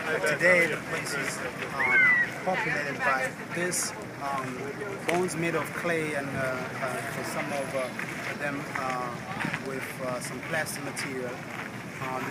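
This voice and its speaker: A man from Congo makes an earnest, urgent appeal to camera, outdoors on a public mall. He hesitates often with fillers as he speaks. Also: a little high. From Democratic Republic of Congo. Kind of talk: impassioned outdoor address to camera. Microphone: phone camera. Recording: loud outdoor background noise.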